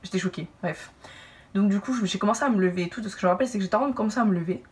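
A young woman telling a personal story to camera in a casual, animated way, acting out what others said. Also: mid-range voice, rapid-fire, distant mic. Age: young adult. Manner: animated, lively asides and acted-out quotes. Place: indoor room, brick wall behind.

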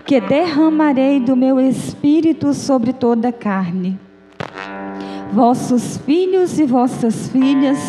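Northeastern brazilian lady preaching slow and soft at a lectern mic, reverby church. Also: a little high. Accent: Brazilian Portuguese, Northeastern. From Bahia, Brazil. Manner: slow, gentle, inviting preaching. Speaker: preacher at a prayer group. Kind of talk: sermon with scripture reading. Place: small church, indoors. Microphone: mic on a stand at the lectern.

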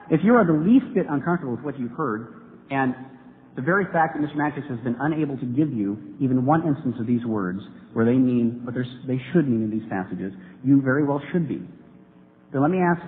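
A man giving an earnest debate speech to a live audience in a large hall, building to emphatic points. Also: medium pitch. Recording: tinny lo-fi hall recording with hiss.

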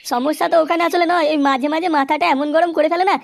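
A cartoon voice actress plays a downcast, joking poor male hawker, sighing wearily and repeating 'বুঝলে'. Her voice is high-pitched, gravelly and steady in tone, delivered at a quick pace with a crowd audible behind her.

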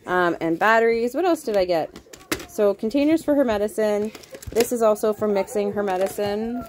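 A woman's voice: medium pitch, normal speed, noisy background. A woman in her thirties from Canada, chatting casually through a home grocery haul video and rambling with lots of ums. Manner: chatty, rambling with many ums, asides to kids. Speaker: vlogger. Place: home kitchen indoors. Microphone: phone camera held close.

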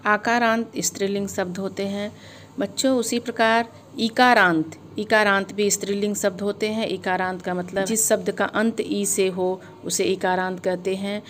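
Woman teacher going real slow, spelling stuff out sound by sound, bit of faint noise behind. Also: medium pitch. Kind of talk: classroom grammar lesson.

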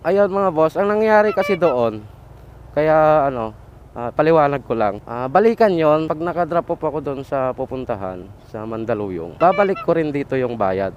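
A man's voice: medium pitch, darkish tone, highs cut off, a little hiss or hum. A man, a motorcycle delivery rider, talking casually to his viewers outdoors on a city street, calling them bosses as he explains himself. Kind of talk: casual motovlog talk to viewers.

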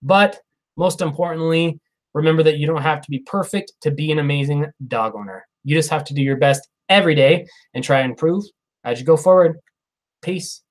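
This time his voice is a little high and a little fast: a man in his thirties hosting a casual live Q&A stream, reading viewer comments chattily and cheerfully with frequent laughs. He's recorded on a clip-on lapel mic in a small room with a plain wall behind.

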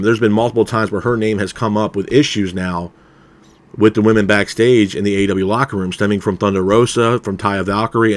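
A man giving a casual spoken review of a wrestling show, candid and opinionated, padding his talk with "you know" and "man". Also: on the low side. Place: unseen, voice over a title card.

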